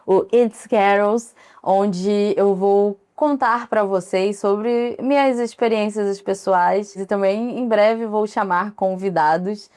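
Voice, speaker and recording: A woman's voice: medium pitch, darkish tone, smooth. A Brazilian woman in her thirties hosting a casual solo podcast, chatty and digressive with frequent asides. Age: 30s. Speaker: podcast host.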